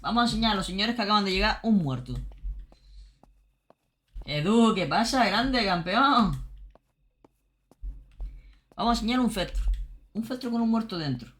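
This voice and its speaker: A woman's voice: medium pitch, lively intonation, very fast. A woman streamer from gives casual commentary on her game. She talks straight to her viewers and thinks aloud. Her voice swoops up and down a lot.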